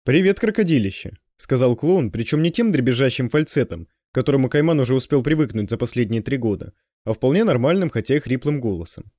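Expressive male audiobook narrator. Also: mid-range voice, fast, dry recording. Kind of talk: scripted narration.

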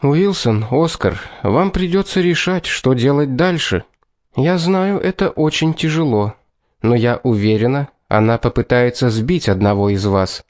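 A man's voice: medium pitch, lively intonation, measured pace, darkish tone, dry recording, studio quality, lightly acted. A man voicing a tense female investigator who questions insistently in an audiobook. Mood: urgent.

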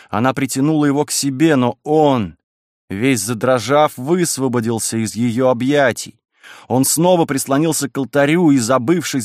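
A man narrating a nineteenth-century novel in a measured, expressive way. His voice sits at a middle pitch. The sound is dry and close, with no room echo. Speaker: audiobook reader. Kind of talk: scripted literary narration.

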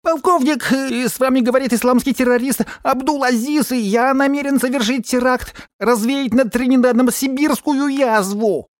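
A man voicing a frantic bearded man who claims to be a terrorist, shouting and boasting wildly. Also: normal speed, few pauses, no room sound, studio quality. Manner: shrill shouting, wild and boastful. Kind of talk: audiobook character voice.

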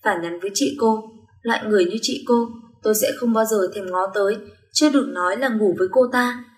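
A woman's voice: mid-range voice, a little fast, close to an everyday voice. Cold commanding rich young man, read by a woman. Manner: curt and commanding. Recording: roomy echo.

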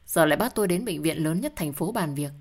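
Woman reading as an excitable male best friend. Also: deep voice, fast talker, breathy edge, heavily acted. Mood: teasing.

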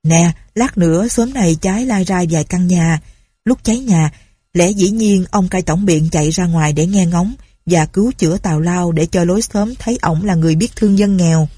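A sly male accomplice in a storybook, plotting in clipped, conspiratorial lines, put on by a woman reader. His voice is husky and dry. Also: on the low side, moderate pace, mellow, no room sound. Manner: curt, conspiratorial.

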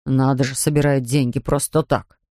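Woman reading as a sulky, grumbling middle-aged man, lowered, gruff. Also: little pitch movement, moderate pace, mellow, dry recording, studio quality.

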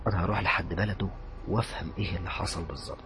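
A man with an Egyptian accent narrating a horror story in a dramatic way, dropping to a hush at tense moments. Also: low-pitched, steady tone, rapid-fire. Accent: Egyptian Arabic.

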